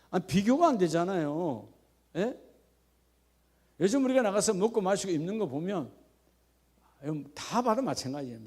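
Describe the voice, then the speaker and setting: Older man, pastor, high voice, church sermon, talks to the congregation, then builds to forceful proclamation. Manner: conversational preaching, rising to emphatic proclamation. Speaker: senior pastor. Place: church sanctuary.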